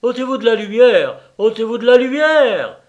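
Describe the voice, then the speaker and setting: A man voicing an older, furious, blustering millionaire who shouts threats and insults in a storybook reading. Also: high-pitched, slow pace, lo-fi sound, pitched above the performer's own voice.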